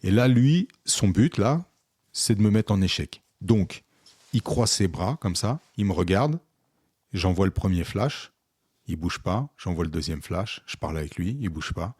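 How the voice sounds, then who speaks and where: Low-voiced man telling a story. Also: a little slow, husky, no room sound, clean studio sound. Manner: animated, re-enacts dialogue with many fillers. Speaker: podcast co-host, photographer. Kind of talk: casual storytelling chat.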